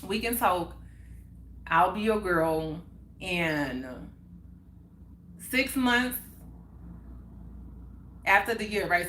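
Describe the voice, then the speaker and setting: A woman hosts a relaxed chat and tells a story from her own life with lively animation. She repeats key phrases for emphasis and slips into other people's words as she retells them. The sound is roomy, with faint ambience behind her. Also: lowish voice, slight background noise. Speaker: livestream host.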